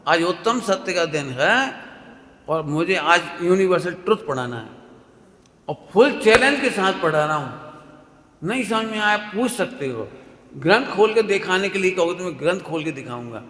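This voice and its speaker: A man's voice: sits high, animated, moderate pace, fairly bright tone. A middle-aged man giving a sermon as a preacher, playful and often asking the audience questions. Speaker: Jain preacher. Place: large hall with live audience. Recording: echoey hall reverb, faint noise.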